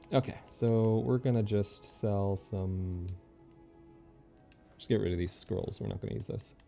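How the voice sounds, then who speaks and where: A man with a low, gravelly voice streams a video game, thinking aloud in easygoing, casual chat and reading the game's text out loud.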